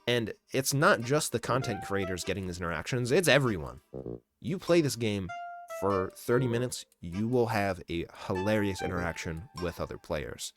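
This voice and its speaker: Lively low-voiced man reviewing a game. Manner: casual, enthusiastic, with mild swearing. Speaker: gaming commentator. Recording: voice-over with clear background music.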